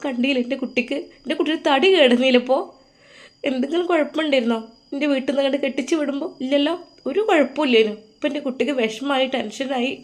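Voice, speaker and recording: A woman's voice: sits high, fast, close to an everyday voice. A woman voicing a grieving mother who pleads through tears to protect her daughter. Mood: tearful. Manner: tearful, pleading.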